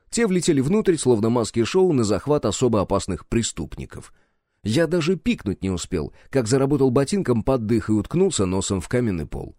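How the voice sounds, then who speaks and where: A man's voice: mid-range voice, mellow, no echo, clean studio sound. A man narrating a first-person audiobook in a wry, sardonic storytelling manner.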